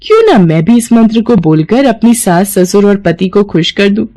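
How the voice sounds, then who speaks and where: A woman's voice: mid-range voice, sing-song, normal speed, dark tone, lightly acted. A woman voicing an anxious, remorseful young sister-in-law in a cartoon, with a manner of rising panicky questions. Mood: scheming. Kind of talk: cartoon voice acting.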